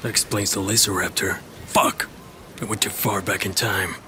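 An actor playing a gruff male action-hero cop lost in time, in English film dialogue. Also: lowish voice, fairly even intonation, a little slow, a little hiss or hum. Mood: terse. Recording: film clip with loud music.

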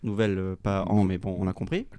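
A man's voice: sits low, steady tone, quick pace, warm tone, no room sound. A man co-hosting a casual podcast, bantering and teasing his friends with a jokey manner. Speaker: podcast co-host.

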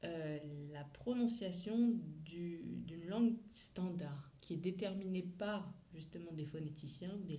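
A woman's voice: fairly low pitch, mellow, lo-fi sound. A woman who teaches English, talking through a lesson in a chatty, frank way with slang and asides. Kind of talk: casual teaching monologue.

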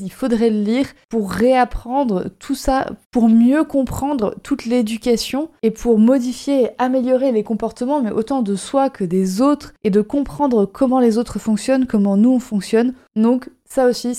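Woman, solo podcast host, warm mellow tone, chatty and good-humored. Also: a little high. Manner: chatty, upbeat, humorous, with frequent fillers.

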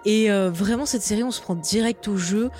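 A woman's voice: mid-range voice, normal speed, a little mellow, soft background music. A woman co-hosting a casual podcast, chatty and enthusiastic as she recommends a show. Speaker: podcast co-host. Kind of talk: casual chat.

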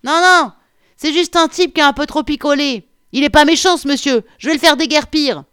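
A woman's voice: fairly low pitch, sing-song, moderate pace, dry recording, clean studio sound. A woman reading aloud, voicing a brash young female municipal police officer with a strong Landes accent and a crude, bossy way of talking. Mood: brusque. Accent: southwestern French (Landes).

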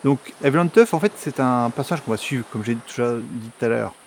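A man's voice: mid-range voice, fairly quick, a little hiss or hum. A man co-hosting a podcast in casual chat, explaining things in a chatty way with fillers. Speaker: podcast co-host.

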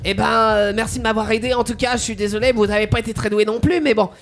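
A woman's voice: on the high side, steady tone, quick pace, close to an everyday voice. A cheerful, overworked bartender chirps along in a slightly raised voice, as a woman puts him on. He fusses over every order. Faint music plays underneath. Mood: chirpy. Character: flustered cheerful male bartender.

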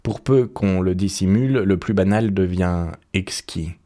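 A man's voice: low-pitched, measured pace, mellow. A man reading aloud and voicing an earnest, troubled young painter who speaks sincerely.

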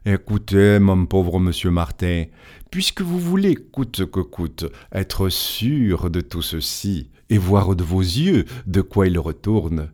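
Man doing a kindly old saint, gatekeeper, patient, fatherly, low voice, unhurried. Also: big pitch swings, darkish tone, full character voice. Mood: gentle. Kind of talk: audiobook storytelling.

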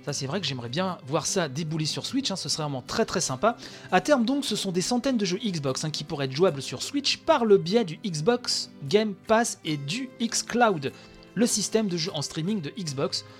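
A man's voice: sits high, sing-song, normal speed, faint music behind. A man hosting a solo podcast, talking through news in a chatty way, with many fillers while reading and quoting an article. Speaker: podcast host.

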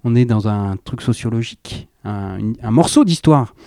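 A male radio host introduces records in a loose, chatty way, tossing in slang and little laughs as he goes. His voice is mellow and warm, sitting at a middle pitch. The sound is close and dry, with no room around it. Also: lively intonation, normal speed, creaky, no echo. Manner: chatty and enthusiastic, with laughing asides and slangy phrasing. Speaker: radio music show host. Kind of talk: casual chat presenting records.

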